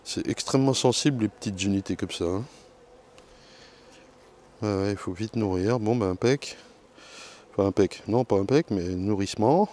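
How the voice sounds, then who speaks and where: A man checking his beehives outdoors, chatting loudly and self-mockingly to a camera mic some distance away, in a joking put-on southern French twang. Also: on the low side, normal speed, long pauses, slight background noise. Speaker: beekeeper. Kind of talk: casual vlog while working. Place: outdoor apiary among hives. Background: faint buzzing of bees.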